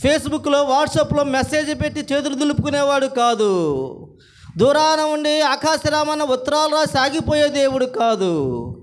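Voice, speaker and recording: A man's voice: very high-pitched, lively intonation, measured pace. A man preaching a sermon, repeating phrases and asking the congregation rhetorical questions. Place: church service.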